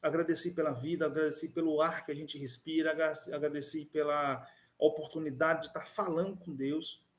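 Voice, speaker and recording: A man's voice: a little high, fairly even intonation, fairly quick, few pauses. A man teaching an online class, talking conversationally with frequent restarts. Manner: conversational, many fillers and restarts. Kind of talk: online class lecture with a personal story.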